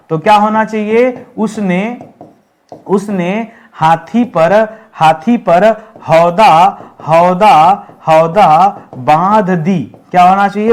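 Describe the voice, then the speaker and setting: A young male teacher with a high voice runs through a Hindi spelling lesson at an easy pace. He keeps quizzing the class with "what is it?" questions and says each corrected word again and again. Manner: repeats and drills words, asks the class rhetorical questions; calls his listeners friends, relaxed and unhurried. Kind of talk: online exam-prep lesson.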